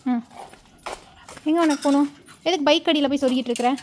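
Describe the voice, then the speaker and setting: Woman vlogger, high voice, chatty, casual home chat, faint background noise. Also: fast talker, reverberant. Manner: chatty, scolds the dog loudly. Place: home and garden.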